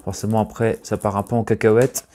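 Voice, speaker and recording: A man in casual unboxing chat as a collector vlogger, rambling and chatty, often searching for words, with bursts of excited emphasis. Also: fairly low pitch, fairly quick.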